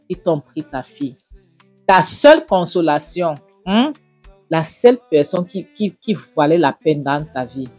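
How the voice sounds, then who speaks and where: A woman's voice: low voice, breathy edge, no echo. A woman voicing a scornful middle-aged mother who hectors and taunts her daughter. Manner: taunting, hectoring, rising to loud jabs.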